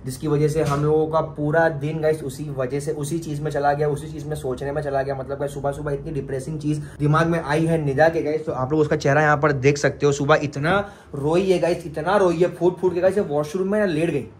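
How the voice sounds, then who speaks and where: Animated man vlogging. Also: fairly high pitch, fairly quick, hardly any pauses, slight background noise. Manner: animated storyteller, keeps saying "guys". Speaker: vlogger host. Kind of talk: casual vlog talk to viewers.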